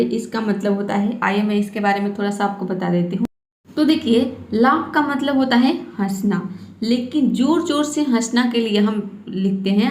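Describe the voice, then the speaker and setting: A woman teaching English in Hindi, reading English phrases slowly word by word and checking in often with the listener. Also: mid-range voice, darkish tone, echoey room.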